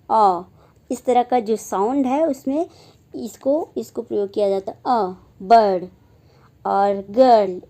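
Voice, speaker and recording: A young woman teaching a phonetics lesson. She speaks slowly, repeats herself, and says each example word aloud. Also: fairly high pitch, mellow. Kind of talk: phonetics lesson explained in Hindi.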